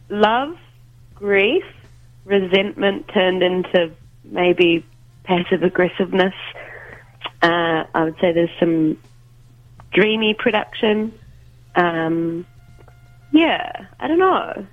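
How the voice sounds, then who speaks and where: Over a tinny phone line, a musician guest talks casually from his home as he makes coffee. The voice is medium-pitched and the recording dry, and he hesitates constantly, with lots of ums and false starts.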